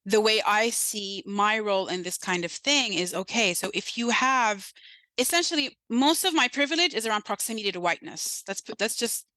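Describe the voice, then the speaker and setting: This mid-range female voice moves at normal speed with a bright, forceful tone; the audio is poor, though there's no echo. She's from Sudan, probably in her thirties, and her Sudanese accent has a slight British tinge. Appearing as a guest on a podcast, she speaks with earnest emphasis and frequently adds "right?".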